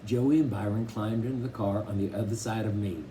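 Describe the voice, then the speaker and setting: A man narrating a novel in first person with expressive storytelling. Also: on the low side, brisk, a little hiss or hum. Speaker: audiobook reader.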